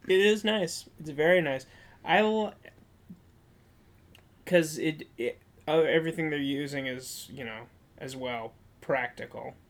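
A woman's voice: sits low, unhurried. A woman co-hosting a film podcast in casual banter, informal and wry, chiming in with short remarks.

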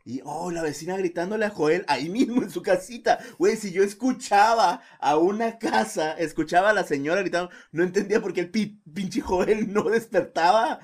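A young man with a Mexican Spanish accent, co-hosting a podcast and telling a story in a casual chat, acting out shouting neighbors and laughing often. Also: normal speed, few pauses. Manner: animated, acts out shouting neighbors with big jumps in pitch, laughs often. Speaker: podcast co-host.

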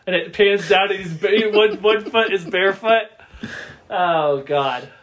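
A man's voice: high-pitched, unhurried, fairly bright tone. A man chatting casually on a podcast, retelling favorite movie scenes, laughing often and acting out quoted lines. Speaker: podcast co-host. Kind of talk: casual chat about movies.

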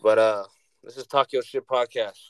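A man hosting a podcast in casual, slangy stoner talk full of swearing, audibly high on cannabis. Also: steady tone, moderate pace, clear, resonant tone, no echo. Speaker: podcast host. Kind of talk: casual chat, slangy storytelling.

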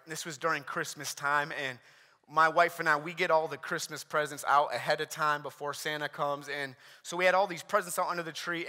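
A man preaching a sermon in a church, telling family stories with animated energy and lots of "like.". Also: on the high side. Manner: animated storytelling, frequent "like". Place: church sanctuary. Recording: reverberant church hall.

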